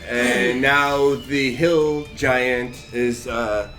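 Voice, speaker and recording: A man's voice: mid-range voice, fairly even intonation, very slow, sharp tone. Rambling young man running a tabletop game. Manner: rambling narration with many fillers and restarts. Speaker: dungeon master. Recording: echoey room with faint music.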